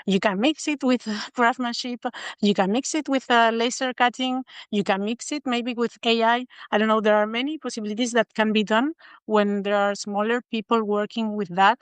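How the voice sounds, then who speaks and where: A woman from Spain with a Spanish accent, a guest in a podcast interview who speaks thoughtfully and fills her pauses with "uh". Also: a little high, smooth, no room sound. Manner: thoughtful, many filler pauses. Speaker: guest designer.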